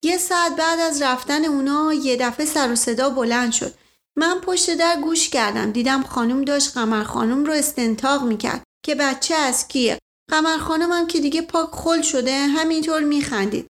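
A woman's voice: high-pitched, voice pushed up. A woman voicing a naive, hesitant young housemaid who chatters in a gossipy way. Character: young simple-minded housemaid girl, hesitant.

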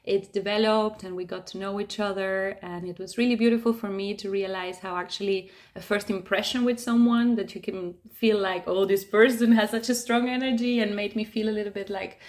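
Woman from Argentina, yoga teacher; gentle, reflective podcast guest, mid pitch. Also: steady tone, a little fast, few pauses. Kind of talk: casual conversational interview.

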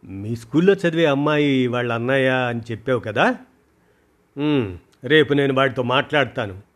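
A man's voice: medium pitch, normal speed, natural voice. A man voicing an anxious, caring mother who fires off coaxing questions. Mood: reassuring.

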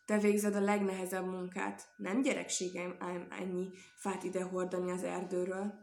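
A woman voicing a kindly, gracious hostess who has a polite, flattering word for everyone, in an echoey room. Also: fairly low pitch, creaky, slight background noise.

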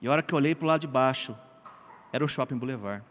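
Um homem brasileiro contando um testemunho em tom de pregação, animado, alternando gritos e murmúrios e chamando os ouvintes de gente e queridos. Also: male voice, mid-range voice, racing, in a large hall. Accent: Brazilian Portuguese. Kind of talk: sermon-style personal testimony.

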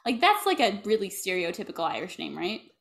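A woman's voice: mid-range voice, sing-song, fairly quick, creaky, fairly bright tone. A woman chatting casually as a podcast co-host, retelling a movie with lots of "like" and laughter. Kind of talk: casual chat recapping a movie.

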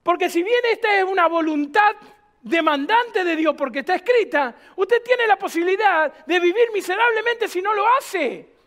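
A man's voice: extremely high pitch, expressive, normal speed, fairly bright tone. A man, a pastor preaching emphatically to a church, firing off rhetorical questions. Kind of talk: sermon.

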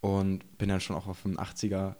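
A warm, low voice with a monotone delivery and normal speed belongs to this podcast guest, a man in his twenties who rides enduro. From Saxony-Anhalt in eastern Germany, he chats casually, rambles, laughs a lot and uses slang.

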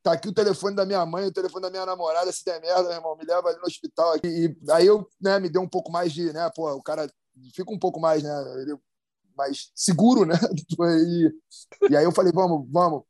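A man's voice: fairly high pitch, steady tone, brisk, darkish tone, no echo, studio quality. A man, a professional big-wave surfer, telling a story in casual, slang-heavy talk, with many restarts and sound effects. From Brazil. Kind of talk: casual storytelling in a podcast chat.

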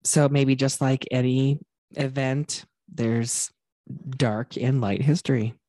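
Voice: mid-range voice, little pitch movement, slow pace, mellow. A podcast co-host chatting casually, laid-back, giving short replies.

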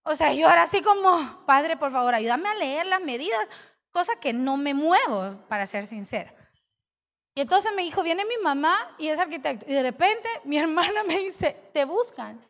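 Woman pastor, lively storytelling sermon, high voice ringing through a long reverb. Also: moderate pace, vocal fry. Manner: animated storytelling, acting out quoted dialogue.

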